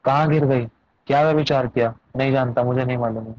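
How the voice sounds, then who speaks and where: A man preaching voices the Lord as a gentle but commanding male divine figure, giving urgent repeated commands. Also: mid-range voice, fairly even intonation, quick pace, close to an everyday voice. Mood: urging. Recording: dull lo-fi dry recording.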